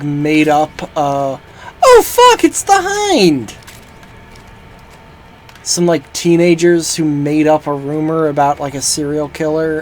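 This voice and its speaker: Slow-paced, profane game streamer with background noise. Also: mid-range voice, darkish tone. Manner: profane, joking, rambling. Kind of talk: casual live gameplay commentary.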